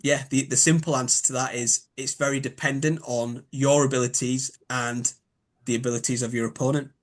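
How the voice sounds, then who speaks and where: A man's voice: medium pitch, steady tone, brisk. A man with a Yorkshire accent, a biomechanics expert guest, explaining ideas in a thoughtful way and often rephrasing as he goes. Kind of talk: explanatory interview talk.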